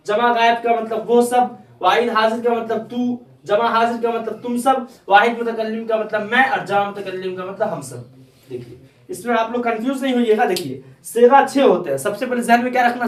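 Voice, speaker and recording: A man teaching a grammar lesson, slowly repeating each example for his students. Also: very high voice, fairly bright tone. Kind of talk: classroom lesson. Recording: echoey room, mic far off.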